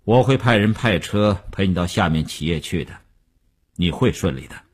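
A man voicing a powerful middle-aged company chairman in an audiobook, speaking in a measured, unhurried way with a husky voice. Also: low-pitched, lively intonation. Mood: assured.

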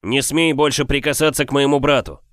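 A man voicing a drunk young male warrior shouting in a rage at a giant. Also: medium pitch, steady tone, a little fast, no room sound, clean studio sound, pitched above the performer's own voice, natural voice. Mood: threatening. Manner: shouting, enraged.

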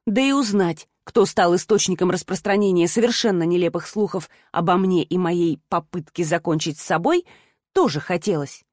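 A woman's voice: on the low side, moderate pace, darkish tone, dry recording. Woman narrating a novel, dry and close. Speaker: audiobook narrator. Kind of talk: first-person novel narration.

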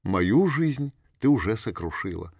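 A man reading an audiobook and voicing a middle-aged man who speaks curtly and commandingly, gruff yet tender. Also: lowish voice, sing-song, unhurried, a little mellow, no room sound, clean studio sound, full character voice.

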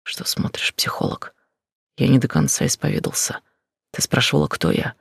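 A man voicing a cynical young male hustler, speaking in a low, husky, menacing half-whisper. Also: lively intonation, normal speed, no room sound, studio quality, exaggerated voice. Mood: cold mocking.

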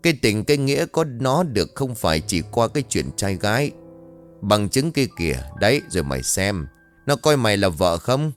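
A man voicing a stern young male fortune teller who hisses threats in a harsh, low voice. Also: very animated, moderate pace, faint music behind. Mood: scolding.

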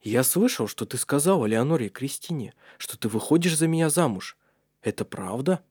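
A man's voice: mid-range voice, animated, moderate pace, a little mellow, breathy edge, no room sound, studio quality, pitched above the performer's own voice. A man voicing an earnest, protective young nobleman in love in an audiobook.

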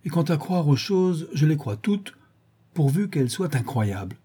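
A man's voice: on the high side, sing-song, measured pace, warm tone, breathy edge, voice pushed up, full character voice. A man voicing a witty, cynical young English aristocrat with an airy, amused manner. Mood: teasing.

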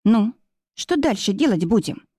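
A woman's voice: medium pitch, very animated, measured pace, dark tone, breathy edge, no room sound. An anxious, worn-out young woman with a plaintive, tense way of speaking, voiced by a woman reading a storybook. the sound is close and dry.

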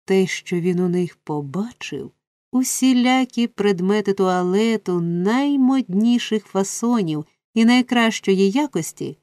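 A woman narrating a classic novel as an audiobook, in a measured, even manner, recorded on a close microphone. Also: mid-range voice, dry recording. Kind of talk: scripted storybook narration.

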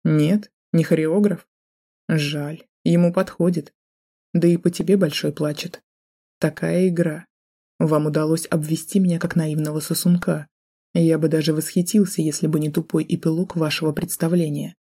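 A sneering, drunk and jealous man with a gun, as a woman reader puts him on, spitting mocking threats in a dark, husky voice. His tone is cold and menacing, the voice of an audiobook villain. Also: sits low, level tone, normal speed.

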